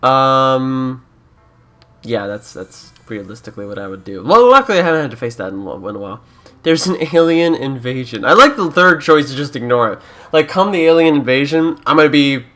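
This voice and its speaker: A man's voice: mid-range voice, a bit bright. A young Canadian man who is a YouTuber, chatting casually through a let's-play, joking and reading game prompts aloud.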